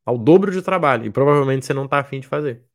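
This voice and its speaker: A man's voice: mid-range voice, expressive, very fast. A man giving a blunt, joking talk as a mentor, often acting out what his students say. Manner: blunt, jokey, acts out students' lines. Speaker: miles program mentor. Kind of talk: casual motivational talk.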